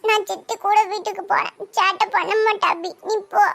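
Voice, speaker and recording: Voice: very high-pitched, fairly even intonation, brisk, vocal fry, bright, forceful tone, full character voice. A performer voicing a small spirited girl who is fiercely protective and sassy in a cartoon. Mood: worried, pleading. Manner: scolding, sassy, later pleading. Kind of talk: cartoon voice acting.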